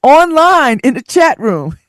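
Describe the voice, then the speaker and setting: Hosting a radio talk show, a woman reads listener stories aloud slowly, often laughing and tossing in animated, sassy asides. Her pitch rises and falls dramatically, and the recording is dry and close with no echo or sense of a room.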